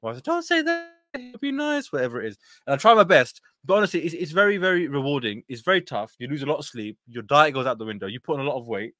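A man's voice: mid-range voice, animated, racing, few pauses, fairly bright tone, no room sound. A man talking casually as a podcast guest, repeating and rephrasing as he goes and acting out bits of what people said. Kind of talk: casual conversation.

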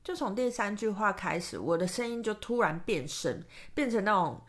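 A woman's voice: medium pitch, expressive, normal speed. Chatty Taiwanese woman podcaster. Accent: Taiwanese Mandarin. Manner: chatty, rambling, many fillers and restarts. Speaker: podcast host and tarot reader. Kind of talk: casual solo podcast chat.

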